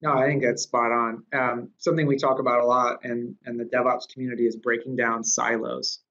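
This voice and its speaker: A man's voice: mid-range voice, flat delivery, a little fast, fairly bright tone. Thoughtful man discussing DevOps, dull audio. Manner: thoughtful, with frequent fillers and restarts. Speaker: guest speaker on DevOps. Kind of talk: conversational discussion.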